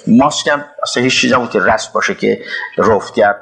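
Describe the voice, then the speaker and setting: An older man from Iran recalling his past work in a halting interview, with pauses and restarts. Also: on the low side, vocal fry, a bit bright, poor audio. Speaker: interviewee recalling his time as a city official. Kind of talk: reminiscing interview.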